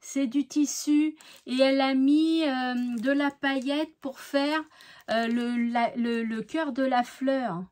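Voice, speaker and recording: A French woman hosts a craft channel, opening her mail in a casual show-and-tell and gushing admiringly over each piece, at times dropping to a near-whisper. Her high voice is steady, slow, and a little mellow.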